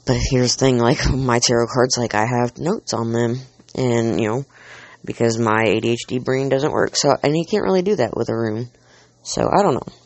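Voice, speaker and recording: A man's voice: mid-range voice, normal speed, no room sound. Rambling chatty man, dry sound. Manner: chatty, wanders off on tangents, heavy filler words. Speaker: host counting down a list. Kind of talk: casual rambling monologue.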